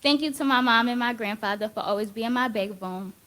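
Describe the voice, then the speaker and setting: A woman's voice: on the high side, brisk, fairly bright tone. A young woman in her late teens, a graduating student, giving an earnest and heartfelt formal graduation speech.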